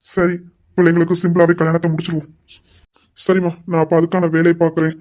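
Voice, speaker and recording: Lady telling a tv serial story, mellow low-toned voice, pleading and emotional. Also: little pitch movement, fast, lo-fi sound. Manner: emotional dialogue reading, pleading and rising. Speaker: storyteller voicing serial characters. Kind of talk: dramatic retelling of a TV serial.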